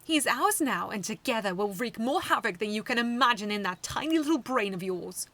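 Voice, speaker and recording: A woman's voice: a little high, animated, fairly quick. Woman doing a sneering villain gang boss. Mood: gloating. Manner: taunting, loud and mocking. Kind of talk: fanfiction read aloud.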